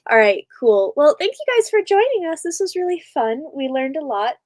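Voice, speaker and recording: A young woman with a lively, bouncy voice co-hosts a casual reading livestream, chatting and giggling as she reads out viewer comments. Her voice sits a little high, close and dry. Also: moderate pace, no room sound. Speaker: livestream co-host.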